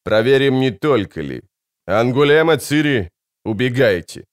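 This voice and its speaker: A man voicing a calm, resolute young knight, speaking in a measured, slow and steady way for an audiobook. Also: mid-range voice, smooth, dry recording, clean studio sound, natural voice. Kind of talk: audiobook character voice.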